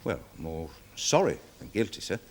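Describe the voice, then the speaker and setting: An actor playing a nervous, deferential security guard testifying in a 1970s television courtroom drama, rambling with many fillers. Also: male voice, deep voice, big pitch swings, normal speed, slight background noise. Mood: worried, defensive. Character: nervous security guard witness, dog handler. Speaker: witness in court.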